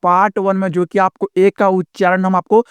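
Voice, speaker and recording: A man teaching a beginner English lesson, explaining slowly and repeating himself with many fillers. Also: high-pitched, flat delivery, clear, resonant tone, no room sound. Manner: repetitive, drawn-out classroom explaining with many fillers. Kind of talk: casual spoken lesson.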